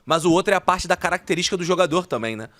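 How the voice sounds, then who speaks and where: A man commentating on a sports debate panel, measured and analytical. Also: sits high, lively intonation, fairly bright tone, dry recording.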